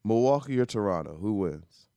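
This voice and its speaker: Lively male podcast co-host. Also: lowish voice, moderate pace, no echo, muffled recording. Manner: quizzing, giggly. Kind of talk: casual sports chat.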